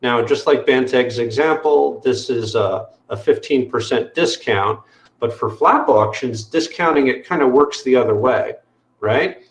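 Man, gravelly voice, explanatory screen-share walkthrough, lots of fillers, roomy video-call audio. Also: medium pitch, measured pace. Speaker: developer demoing software.

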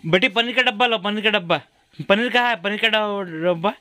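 A man's voice: sits high, a little fast, bright, forceful tone, no room sound. A man filming a home vlog, patiently coaxing his young daughter with the same questions again and again. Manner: coaxing, repeats questions over and over. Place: home, indoors.

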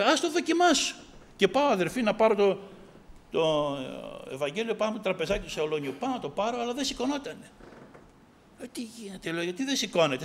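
A man preaching, telling his own conversion story in an emotional sermon that moves between hushed recollection and loud exclamation. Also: high-pitched. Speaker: preacher giving testimony. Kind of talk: sermon testimony.

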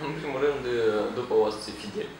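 Halting man answering in an echoey room. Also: mid-range voice. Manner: halting, searching for words. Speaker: trainee. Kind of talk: answering in a training session. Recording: echoey room, distant mic, background noise.

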